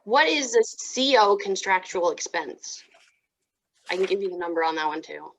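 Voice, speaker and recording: A woman's voice: fairly low pitch, lively intonation, moderate pace, fairly bright tone, low-quality recording. A woman at a town board meeting asking direct questions about the budget over a video call.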